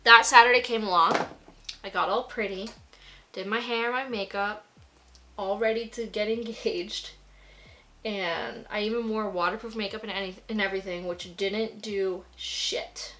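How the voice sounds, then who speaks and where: A young woman tells a story in a loose, chatty way while she works on her makeup, filling her sentences with "like". Her voice is bright and a little sharp. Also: mid-range voice, fairly even intonation, a little slow. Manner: gushing, filler-heavy with frequent "like". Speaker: beauty vlogger.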